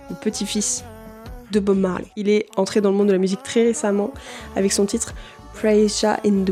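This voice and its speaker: A woman's voice: mid-range voice, mellow. A young adult woman chatting casually about songs she likes as a music vlogger, slangy and talkative, often turning to her viewers. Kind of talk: casual chat.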